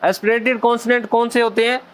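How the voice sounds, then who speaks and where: Guy with a higher voice doing a whiteboard lesson, keeps calling viewers friends, drags out syllables to show how they sound. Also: flat delivery, a bit bright. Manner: explains step by step, repeats syllables slowly; often addresses viewers as friends. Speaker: language teacher.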